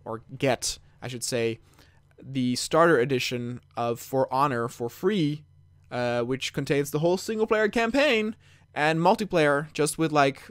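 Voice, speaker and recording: A man's voice: mid-range voice, smooth, no echo. A man co-hosting a gaming podcast in casual chat, rambling and repeating words as he thinks. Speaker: podcast co-host.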